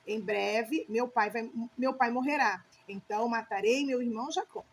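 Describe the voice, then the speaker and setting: A bitter grown son pleads with his father, voiced plainly by a woman reading aloud. Her voice is high and clear, with faint noise underneath. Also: normal speed, natural voice. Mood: pleading.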